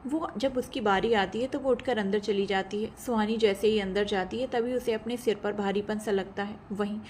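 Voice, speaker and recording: Woman, storyteller, scripted narration, steady reading, middle pitch, faint hiss. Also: normal speed.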